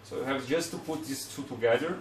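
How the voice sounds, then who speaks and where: In his twenties, this young Brazilian hobbyist speaks English as a second language with a Brazilian Portuguese accent, walking through a casual how-to at a desk in a small room. He is plain and unhurried, searching for words, and his mid-range voice comes across reverberant with background noise.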